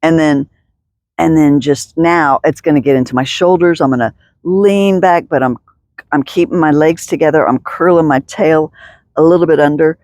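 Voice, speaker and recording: A woman's voice: low-pitched, normal speed, a little mellow, no room sound. Chatty woman guiding stretches. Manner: chatty, upbeat, thinks aloud, laughs often. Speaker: stretching instructor. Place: outdoors in the sun.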